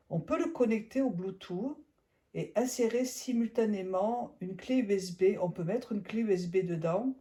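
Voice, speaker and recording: A middle-aged woman who is sick and hoarse, chatting hesitantly through a casual product review vlog, filmed on her phone at home. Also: on the low side, warm tone. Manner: chatty and hesitant, often restarting phrases. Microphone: phone camera.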